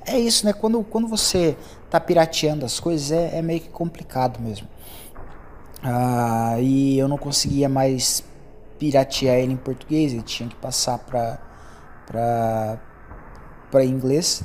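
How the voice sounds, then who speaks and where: A young Brazilian podcaster with a Brazilian accent hosts alone, drifting casually through various subjects. His medium-pitched voice has a darkish tone, with slight background noise in the clip.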